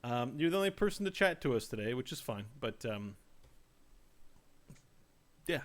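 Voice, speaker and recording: A man's voice: mid-range voice, very animated, normal speed. A man hosting a casual livestreamed gaming podcast, rambling and joking as he draws out his setups. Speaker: podcast host.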